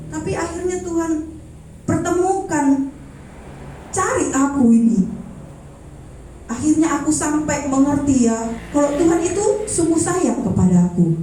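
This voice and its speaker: A woman's voice: high voice, expressive, a little slow, pauses often, dark tone, a little hiss or hum. A woman in her thirties from North Sumatra giving an earnest personal testimony at a church service. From North Sumatra, Indonesia. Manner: earnest, heartfelt storytelling with quoted prayers. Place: church hall. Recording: very echoey hall, from far off.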